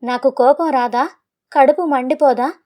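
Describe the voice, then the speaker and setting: A woman's voice: sits high, unhurried, warm tone. A woman voicing a devoted grown elder son who pleads with a trembling voice. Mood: grieving.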